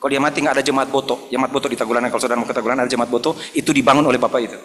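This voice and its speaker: A male pastor delivering a Sunday sermon at a middle pitch, telling a story and acting out the voices of the people in it. His voice rings with a long reverb from the church hall. A faint noise sits underneath. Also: fairly even intonation, rapid-fire, fairly bright tone. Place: church service.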